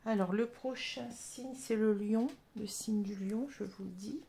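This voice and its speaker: A woman's voice: mid-range voice, a little slow, creaky, mellow. A woman with a French accent giving a casual tarot reading to her viewers, hesitant and full of fillers, often checking that they follow her. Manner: hesitant, many fillers, addresses viewers directly. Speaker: tarot reader.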